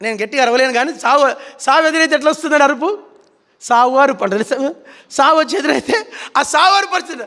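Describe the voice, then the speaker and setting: A man's voice: very high-pitched, fast talker, bright, forceful tone. A man preaching a sermon in Telugu style, telling stories animatedly and acting out scenes. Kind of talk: sermon with storytelling. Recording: reverberant hall.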